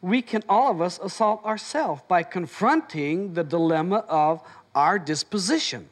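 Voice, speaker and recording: Male seminar leader with a high speaking voice, a chatty storyteller who plays both sides of each exchange. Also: expressive, measured pace. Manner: anecdotal storyteller acting out both sides of conversations. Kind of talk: motivational seminar talk. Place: seminar room before an audience.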